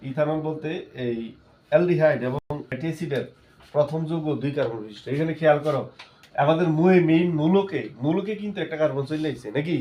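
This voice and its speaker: A man's voice: fairly high pitch, dark tone. A male chemistry teacher, giving a classroom lesson. He keeps asking his students questions and then answers them himself.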